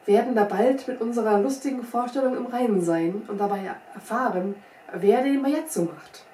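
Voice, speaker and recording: A woman's voice: on the high side, moderate pace, mellow, lightly acted. A woman voicing a sly little old male frontier scout with a folksy, wry, self-assured manner, recorded from a distance in a roomy space with faint hiss.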